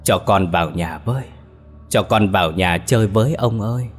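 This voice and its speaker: A man's voice: on the low side, moderate pace, slightly rough, faint music behind. A man putting on a creepy little ghost girl. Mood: eerie pleading. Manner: eerie, pleading.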